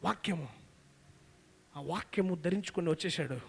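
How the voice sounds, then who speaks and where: A man from India preaching a fervent sermon in a church, swinging between shouts and low, intense passages and repeating his phrases. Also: moderate pace, vocal fry, husky, in a large hall.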